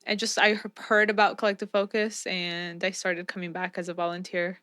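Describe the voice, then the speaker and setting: A woman's voice: on the low side, little pitch movement, fairly quick, bright, forceful tone. A young woman in her twenties from Southern California and Mexico, chatting easily as an interview guest and filling her talk with "like" and "um". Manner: easygoing, frequent "like" and "um" fillers, laughs often. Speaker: guest, volunteer. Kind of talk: casual interview chat.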